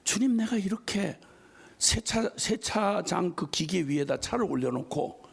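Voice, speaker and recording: Gravelly middle-aged Korean preacher man. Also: high-pitched, a little slow. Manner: animated anecdote-telling, acting out a shouting attendant with laughter. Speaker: missionary preacher. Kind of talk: storytelling sermon.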